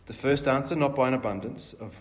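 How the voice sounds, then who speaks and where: Casting: male preacher, plain mid-pitched voice, relaxed talky sermon with rhetorical questions. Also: brisk. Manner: conversational, rhetorical questions, frequent fillers and restarts.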